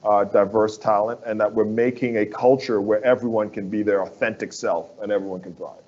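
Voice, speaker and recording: A man's voice: fairly low pitch, steady tone, a little fast, a little mellow, lo-fi sound. A man from the Bahamas, a construction firm executive, speaking as an interview guest in an earnest, persuasive way that repeats phrases for emphasis.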